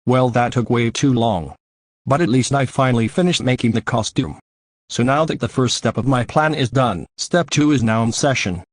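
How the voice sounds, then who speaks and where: A man's voice: mid-range voice, moderate pace, no echo, lightly acted. A man voicing a delinquent cartoon car, a scheming troublemaker who stiffly narrates his own plans. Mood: determined. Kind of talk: scripted cartoon monologue.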